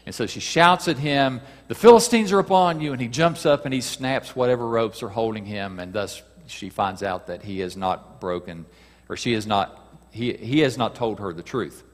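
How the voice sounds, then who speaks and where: A man's voice: lowish voice, moderate pace. A man teaching a Bible lesson as a sermon, talking with the listeners in a conversational way, asking them questions and reading passages aloud. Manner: acts out quoted cries with a raised voice. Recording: long hall reverb.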